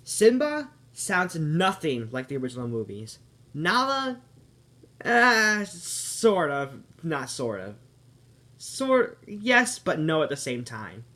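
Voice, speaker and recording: Man, high voice, casual cartoon review, rambling, keeps correcting himself. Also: big pitch swings, slow pace, sharp tone. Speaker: video reviewer.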